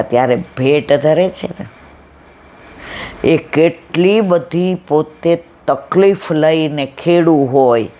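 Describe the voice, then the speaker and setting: With a low, somewhat mellow voice, a woman delivers a devotional satsang talk full of remembered stories. She acts out what others said, quoting them in little voices as she reminisces.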